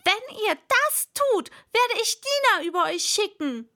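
A woman's voice: high voice, lively intonation, unhurried. A woman voicing a curious, bold young girl in a storybook reading, earnestly talking to herself.

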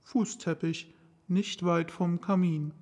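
A woman voicing Alice, a curious, dreamy young girl who chatters to herself in a lively way. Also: on the low side, slow, in a large hall, voice pushed down. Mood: musing.

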